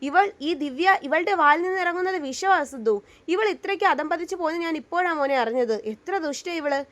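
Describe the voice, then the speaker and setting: A woman's voice: very high-pitched, a little fast, a bit bright. A woman voicing a stern middle-aged aunt who scolds a rude niece, reading a story aloud. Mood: indignant.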